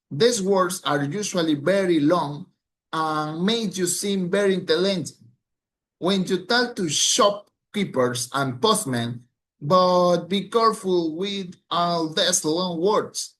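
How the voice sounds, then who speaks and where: A man speaking in a somewhat high voice gives a recited presentation for an English exam. He talks very slowly and carefully, and now and then he stumbles and corrects himself. There is a faint hiss of background noise. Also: a bit bright. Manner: slow, careful delivery with small slips and restarts. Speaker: English language student.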